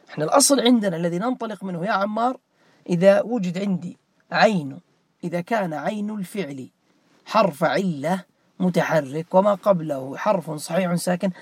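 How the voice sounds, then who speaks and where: A man's voice: sits high, animated, a little fast, dry recording. A man teaching morphology, questioning students by name and repeating key words as a drill. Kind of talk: interactive grammar lesson.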